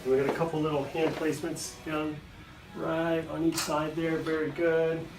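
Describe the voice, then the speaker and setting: A man's voice: fairly high pitch, completely flat delivery, moderate pace, slight background noise. Echoey, distant male chiropractor with reassuring instructions. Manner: reassuring, casual. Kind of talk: talking a patient through a hands-on adjustment, with short instructions. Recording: echoey room, distant mic, music behind.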